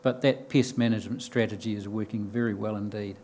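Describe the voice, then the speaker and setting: A man's voice: on the low side, fairly even intonation, a little fast, a little mellow, slight background noise. An older man with a New Zealand accent giving a conference talk from a podium, explaining plainly with frequent ums and restarts. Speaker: conference speaker. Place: lecture room with bookshelves and audience. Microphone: podium mic.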